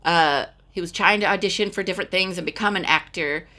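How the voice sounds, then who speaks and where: A woman's voice: on the low side, brisk, pushed and bright. A middle-aged woman from Texas, hosting a podcast and telling stories in a chatty way with many fillers. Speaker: podcast host. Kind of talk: casual chat.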